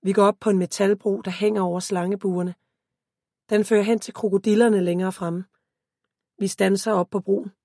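A woman reading a first-person story aloud as an audiobook narrator, in a calm, steady voice. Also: medium pitch, no echo, studio quality.

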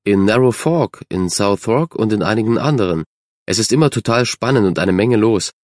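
A man's voice: fairly low pitch, animated, moderate pace, darkish tone, no room sound, studio quality, natural voice. A man voicing a self-assured, friendly young girl who stands up for others. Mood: confident. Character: confident, kind young girl, team captain.

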